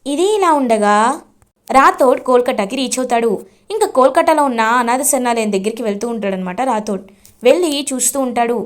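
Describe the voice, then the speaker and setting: A woman retells a television serial episode scene by scene in a lively, flowing storyteller voice. Her voice sits high. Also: a little fast.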